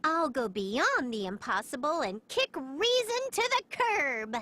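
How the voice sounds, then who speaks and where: A woman's voice: high-pitched, very animated, unhurried, pushed and bright, exaggerated voice. A woman voicing a bubbly, goofy young girl heroine in an anime-style game, playful and exclamatory. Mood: determined.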